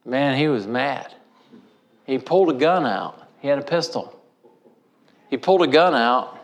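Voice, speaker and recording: A man from Missouri gives a sermon as a folksy personal story. He speaks with a mid-range pitch and leans on rural turns of phrase. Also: expressive, unhurried. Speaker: preacher.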